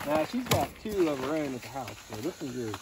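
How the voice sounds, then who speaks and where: A relaxed man in his thirties narrates to a close handheld camera in snowy outdoor woods. His voice is mid-pitched and easygoing, with plenty of filler. Loud outdoor noise and engine rumble sit under the recording. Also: fairly quick, creaky. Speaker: vlogger, host. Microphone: handheld camera close to his face.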